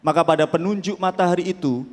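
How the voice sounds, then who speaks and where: A man's voice: high-pitched, fast talker, long reverb tail. A man reading a scripture passage aloud during a church service. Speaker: scripture reader. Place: church sanctuary.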